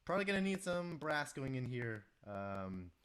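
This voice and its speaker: A man's voice: medium pitch, very animated, normal speed, a bit bright, clean tone. A man with a stuffy nose and a sore throat chats casually to live viewers while composing music, reading their messages aloud. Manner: chatty, talks to viewers and reads their chat aloud.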